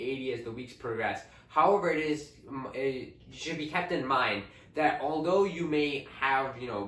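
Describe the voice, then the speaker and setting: A young man with a bright, forceful voice explains music in a relaxed, chatty way. He sounds a little away from the mic, and the room gives an echo. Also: medium pitch, recorded from a distance. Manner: relaxed, conversational, with fillers. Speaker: co-host music teacher. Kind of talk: casual explanatory lesson.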